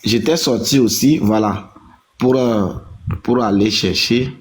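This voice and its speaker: A man taking part in a debate as a guest, answering in halting, hesitant phrases. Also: mid-range voice. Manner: hesitant, halting, short replies. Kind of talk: live debate conversation.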